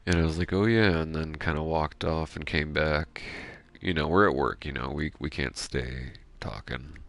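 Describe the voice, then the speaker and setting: Low gravelly man chatting quietly over gameplay. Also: steady tone, normal speed, no echo. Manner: soft-spoken, keeping quiet late at night; rambling, self-deprecating storytelling. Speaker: gaming streamer. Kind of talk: casual gameplay commentary.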